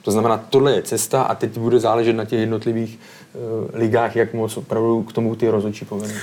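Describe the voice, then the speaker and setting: A man's voice: fairly low pitch, flat delivery, darkish tone. A man speaking as a pundit in a casual football discussion, explaining at length and checking in with the others as he goes.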